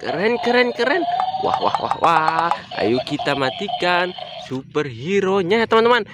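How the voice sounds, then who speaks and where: An excited presenter of children's toy videos, exclaiming and repeating catchphrases to young viewers like a party magician. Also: mid-range voice, measured pace, heavy background noise. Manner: exclamatory, repetitive, like a kids' party magician counting and chanting for children. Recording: music behind the voice.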